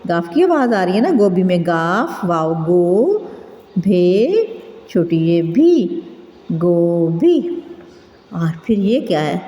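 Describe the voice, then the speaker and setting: Slow, patient woman teacher in echoey room. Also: on the low side, dark tone, a little hiss or hum. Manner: slow, patient, spells out letters one by one. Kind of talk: children's lesson.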